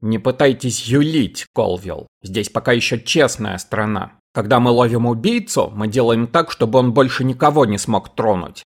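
A man voicing a calm, self-satisfied sheriff who talks bluntly. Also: medium pitch, normal speed, few pauses, slightly rough. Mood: smug. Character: smug, calm small-town sheriff, blunt and stern.

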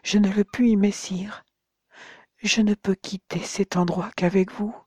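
A reader voicing a very young, ghostly cursed woman who pleads in soft whispers with old-fashioned courtly address. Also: mid-range voice, little pitch movement, measured pace, husky, no echo, pitched above the performer's own voice. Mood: pleading whisper. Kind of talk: audiobook character voice.

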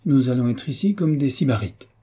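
A man voicing a jovial, mocking hunchbacked marquis in an audiobook reading, with a husky voice and a teasing, theatrical manner. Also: medium pitch, expressive, brisk, dark tone, pitched above the performer's own voice.

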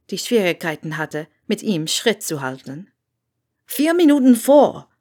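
A woman reading a fan fiction story aloud in a steady, expressive way. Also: mid-range voice. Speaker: audiobook reader.

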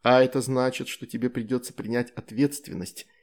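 A man's voice: mid-range voice, little pitch movement, fairly quick, a little mellow, natural voice. A man voicing a playful, teasing demoness wife and mother in an audiobook story.

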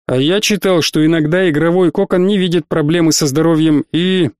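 A man voicing a dazed, paralysed male player who speaks sluggishly and flatly. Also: fairly high pitch, no echo, studio quality, lightly acted. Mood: gloomy. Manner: sluggish, flat and slow.

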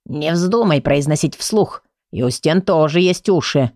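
A woman's voice: low-pitched, expressive, measured pace, darkish tone, no room sound, clean studio sound, voice pushed down. A woman voicing a grumpy, curt male book who grumbles his answers.

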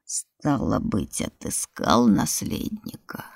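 A woman voicing an ancient eyeless male guardian, his low hollow murmur rising up out of a grave pit in a breathy, gravelly half-whisper. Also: very animated, takes it slowly, dry recording, studio quality, exaggerated voice. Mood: ominous. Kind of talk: audiobook narration.

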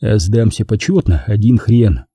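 A man narrating a first-person war adventure audiobook in a wry, expressive way. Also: on the low side, a little slow, breathy edge, no echo.

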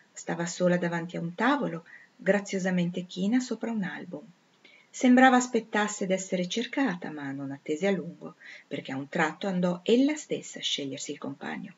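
A woman reading a novel aloud in a measured, calm narration. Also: lowish voice, lo-fi sound. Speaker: reader.

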